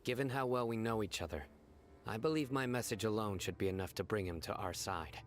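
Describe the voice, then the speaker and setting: Man as a low, stern game general. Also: crowd noise, natural voice. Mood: serious, calm. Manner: measured, serious, commanding. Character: stern, composed young male enforcer general. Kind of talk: video game voice acting.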